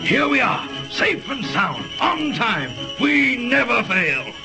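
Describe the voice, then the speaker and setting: A man's voice: very high voice, sing-song, takes it slowly, vocal fry, music in the background, exaggerated voice. A man playing an eager, loyal wagon driver in an old radio drama, hollering theatrically. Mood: excited.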